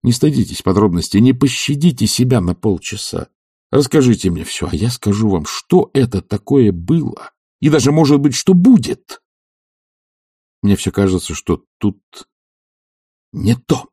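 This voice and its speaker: A male narrator voicing an earnest gentleman in an audiobook, speaking urgently and persuasively. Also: mid-range voice, big pitch swings, moderate pace, breathy edge, no echo, clean studio sound, pitched above the performer's own voice. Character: earnest, insistent gentleman friend.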